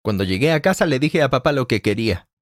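A man narrating a first-person story in a plain, brisk storytelling manner. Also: mid-range voice, expressive. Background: soft music.

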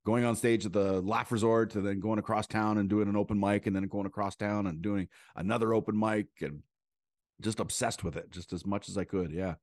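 A male comedian chatting as a podcast guest, his voice sitting low and recorded dry and close with no room sound. He rambles through stories with quick asides and fillers. The tone is loose and conversational. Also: fairly even intonation, darkish tone, no room sound. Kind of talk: casual conversation.

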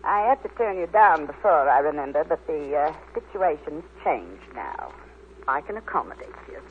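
A woman's voice: low voice, very animated, normal speed. A woman playing a very old, sly and menacing innkeeper who taunts and commands, in old-time radio drama style. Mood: brisk, insistent. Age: older. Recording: scratchy, tinny old radio recording.

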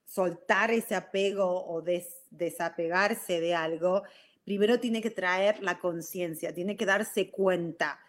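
A woman's voice: lowish voice, slow. A middle-aged woman with a Rioplatense Spanish accent, hosting a live stream and chatting casually about personal growth, often ending her points with "ok?". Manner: chatty, frequent "ok?" tags. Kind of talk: casual talk on self-growth.

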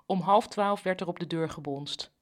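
A woman's voice: on the low side, normal speed, loud music behind the voice. A woman narrating a serialized comic story in a dry, matter-of-fact way.

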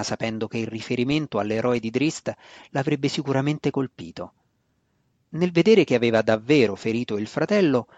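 A man reading a fantasy novel aloud as audiobook narrator, in a measured storytelling voice. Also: mid-range voice, no echo, highs cut off.

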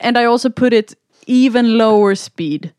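Woman cohosting, higher voice, dry close mic, laughs a lot. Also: normal speed, darkish tone, no room sound. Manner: laughing, chiming in. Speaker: podcast co-host. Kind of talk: silly casual chat.

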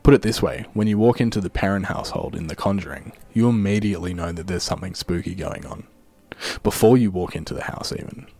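Man, very low pitch, scripted film commentary, video essay narrator. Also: darkish tone, dry recording.

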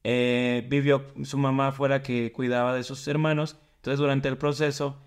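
A man's voice: medium pitch, little pitch movement, normal speed, smooth. A man co-hosting a casual podcast, telling stories in a reflective, meandering way. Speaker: podcast co-host.

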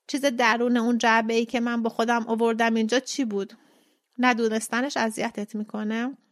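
A woman voicing a quiet, weary man in a story read aloud, speaking in a subdued, hesitant way. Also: a little high, level tone, close to an everyday voice.

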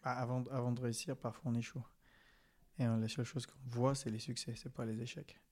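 A young man from France talks fast as a podcast guest. He keeps stopping to restart his sentences and fills the gaps with small hesitations. His tone stays casual and conversational. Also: medium pitch, flat delivery, darkish tone.

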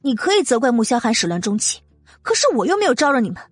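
A man voicing an indignant, proud young wife in an audiobook, firing off rapid, heated retorts. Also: extremely high pitch, sing-song, no room sound, pitched above the performer's own voice, exaggerated voice. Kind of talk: audiobook character voice. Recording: dry close mic with faint music.

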